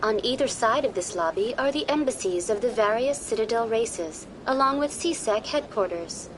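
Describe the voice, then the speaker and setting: Game figure: a smooth, too-perfect android tour guide played by a woman, evenly polite and formal, pitched a touch high. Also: expressive, normal speed, a little hiss or hum, natural voice. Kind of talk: video game voice acting. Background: music.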